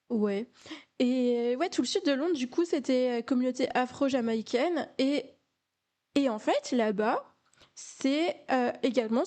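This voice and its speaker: A woman's voice: on the high side, a little mellow. A young woman from France telling a casual storytime, chatty, with many fillers and repeated words.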